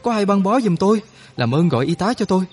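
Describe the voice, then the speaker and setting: A man voicing a young male soldier, excitable and panicky, who speaks in loud, fast, alarmed outbursts. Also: medium pitch, husky. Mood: distressed.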